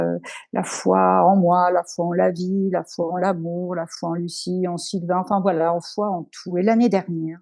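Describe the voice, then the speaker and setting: Earnest woman giving a halting testimony. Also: fairly low pitch, gravelly, warm tone. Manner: halting, with many pauses and restarts; earnest, emotional. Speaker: interview guest. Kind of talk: personal testimony.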